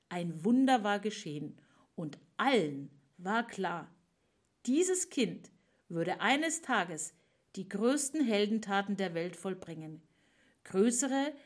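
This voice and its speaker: A woman narrating a myth as a storyteller, slow and dramatic. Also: mid-range voice, animated.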